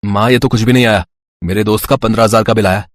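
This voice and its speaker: A man voicing a breezy grown son in a cartoon, talking quickly and reassuringly. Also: on the low side, steady tone, no echo, natural voice.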